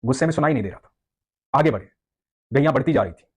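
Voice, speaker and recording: Fast, husky male storyteller. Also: medium pitch, lively intonation, a little mellow. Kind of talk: devotional storytelling narration.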